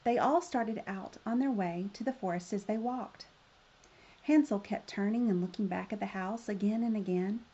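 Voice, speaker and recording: A woman's voice: medium pitch, normal speed, warm tone, slightly rough, muffled recording. A woman reading a children's story aloud as a storyteller, in the manner of a fairy tale opening.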